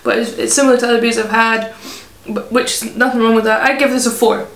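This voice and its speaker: A woman's voice: fairly high pitch, fairly even intonation, fast, a bit bright. A woman reviewing craft beer in casual chat, chatty and giggly, often trailing off mid-sentence. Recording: echoey room.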